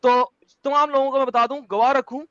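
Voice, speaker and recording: A man's voice: extremely high pitch, flat delivery, fast, no echo. Man debating hard over dull call audio. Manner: forceful, lecturing, mixes English phrases. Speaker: debate host. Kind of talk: online debate.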